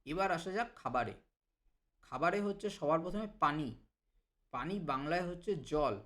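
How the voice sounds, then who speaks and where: A man teaching Hindi vocabulary to Bengali speakers, explaining each word and repeating it slowly. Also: on the high side, lively intonation, a bit bright. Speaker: language teacher. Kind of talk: vocabulary lesson.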